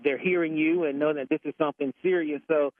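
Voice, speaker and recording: A man giving a live severe weather report from the field in a halting way, correcting himself as he goes. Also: a little high, fairly even intonation, no echo, phone-quality sound. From Alabama, United States. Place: outdoors in a windy residential area.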